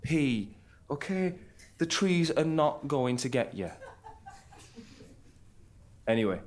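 A man's voice: mid-range voice, big pitch swings, slow pace, a little hiss or hum. A man playing a dry, teasing boyfriend on a camping trip in a comedy audio drama. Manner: dry, teasing, swears casually.

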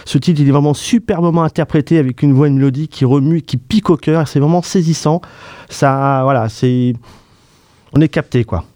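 Radio guy gushing about a record, warm mellow tone, dry close studio sound. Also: fairly high pitch, normal speed, no echo. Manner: effusive, repeats praise words, many fillers. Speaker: radio host. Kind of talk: enthusiastic music review chat.

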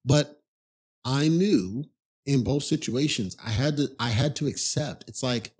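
A man with a husky, slightly breathy voice at an ordinary middle pitch talks through a personal story as a podcast host. His delivery is loose and conversational. He circles back on himself and scatters "you know" through his sentences, with an exasperated edge. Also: unhurried, a little mellow. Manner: rambling, conversational, frequent "you know" asides. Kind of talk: casual storytelling monologue.

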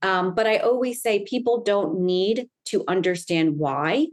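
A woman's voice: medium pitch, a little slow. A middle-aged woman from the United States, a guest coach, speaking earnestly and fluently in a conversational interview, often checking in with "right?". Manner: earnest, fluent storytelling with frequent "right?" tags.

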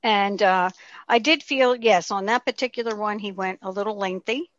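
A woman's voice: mid-range voice, moderate pace, no echo. A middle-aged woman co-hosting a casual political chat show with her son, chatty and full of "um"s. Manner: chatty, frequent fillers. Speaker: podcast co-host. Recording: slightly dull, muffled audio.

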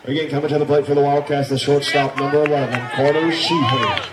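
A man's echoing stadium announcer voice carries from a distance over loud crowd noise. He introduces batters formally and stretches out each name. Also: on the high side, huge pitch swings. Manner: formal announcing, drawn-out player names. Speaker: stadium public address announcer. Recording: echoing PA heard far off, crowd, music. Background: ballpark crowd and music.

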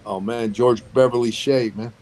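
A man's voice: mid-range voice, moderate pace, poor audio. A middle-aged man from Pennsylvania, a guest chatting easily in an interview, often tacking "man" onto his sentences. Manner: easygoing, relaxed, often ends phrases with "man". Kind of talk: casual interview chat.

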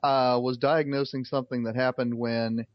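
A man with a medium-pitched voice talks casually as a podcast co-host. His recording is very dry and slightly muffled. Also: level tone, moderate pace, dry recording. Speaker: English professor. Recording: dull lo-fi podcast audio, very dry.

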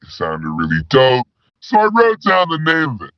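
A man playing a rambling, slang-talking male spy who calls in with his voice pitched down. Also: wildly swooping pitch, normal speed, no echo. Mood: laid-back. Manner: stoner slang, rambling, laid-back. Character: slacker male spy caller with disguised voice. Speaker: caller. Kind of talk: comedy call-in sketch. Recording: dull lo-fi phone call.

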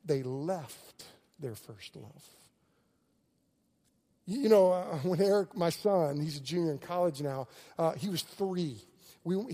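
A middle-aged man preaching a sermon, telling stories animatedly, with frequent restarts and swings between loud and hushed delivery. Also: fairly high pitch. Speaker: pastor.

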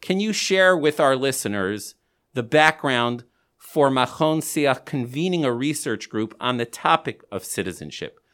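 A man hosts an interview podcast in a medium-pitched voice. He speaks through a face mask, so his words come slightly muffled. His delivery is that of a prepared presenter introducing and questioning a guest. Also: lively intonation, unhurried, a bit bright. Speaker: podcast host. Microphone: podcast microphone, through a face mask.

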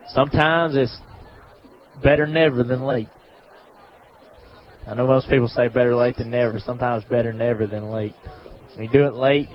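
A man giving casual play-by-play commentary on a high school football game, with folksy phrasing. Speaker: play-by-play announcer. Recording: muffled lo-fi broadcast with faint crowd.

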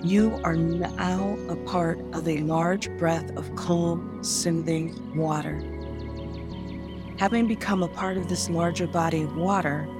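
A woman podcast host narrating a guided meditation like a sleep story, soothing and unhurried, leaving pauses between short phrases. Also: lowish voice. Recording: new-age music behind the voice. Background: calm new-age music.

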